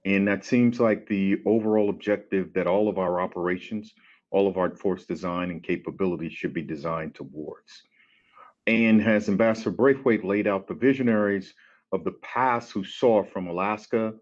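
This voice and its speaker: A middle-aged military officer speaks over a video call from his office, formal but halting, with frequent fillers. His voice sits on the lower side. The audio is dull and lo-fi. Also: a little mellow. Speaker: deputy commanding general. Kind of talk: panel remarks.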